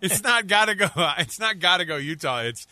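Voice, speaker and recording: A man hosts a casual radio talk segment with a bright, sharp-edged voice. He teases and jokes, often breaking into laughter. The sound is dry and close with no room around it. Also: sits high, expressive, brisk, no echo. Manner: joking, laughs often, teasing. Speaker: radio show host.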